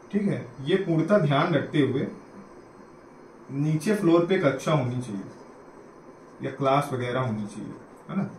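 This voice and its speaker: A man's voice: a little high, reverberant, slight background noise, low-quality recording. A man from Uttar Pradesh, India, giving a casual exam-prep lecture who explains things step by step and keeps checking in with "right?" and "okay?". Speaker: teacher-exam coach.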